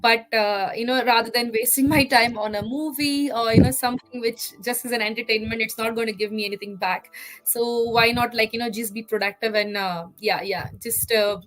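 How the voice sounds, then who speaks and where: A woman's voice: fairly high pitch, steady tone, brisk, fairly bright tone, faint music behind, rough recording. Chatty woman from India. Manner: chatty, with many fillers. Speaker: guest. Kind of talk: casual interview.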